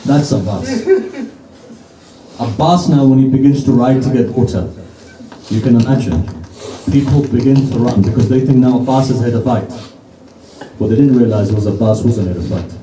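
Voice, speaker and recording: Male preacher, emotive storyteller, very mellow tone, roomy distant pickup. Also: medium pitch, normal speed, pauses often. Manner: emotive, dramatic retelling in short lines. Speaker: majlis preacher. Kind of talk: sermon storytelling. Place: gathering in a private home. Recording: roomy sound from a distant mic.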